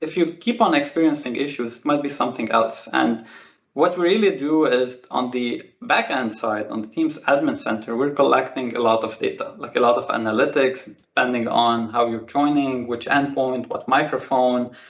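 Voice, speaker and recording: A man explains network and video metrics over a video call with steady enthusiasm. He repeats himself and keeps calling the numbers amazing. His voice sounds echoey and slightly muffled through the call. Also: medium pitch, moderate pace. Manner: enthusiastic, repeats words, says "amazing" often. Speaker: Microsoft Teams expert guest. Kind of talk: casual technical walkthrough on a video call. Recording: roomy, dull lo-fi call audio.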